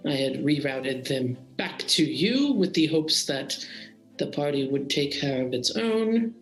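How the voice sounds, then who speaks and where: Worried elf vice chancellor, formal and hesitant, slightly raised pitch, voiced by a man; echoey room, faint music. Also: very animated, unhurried. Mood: concerned.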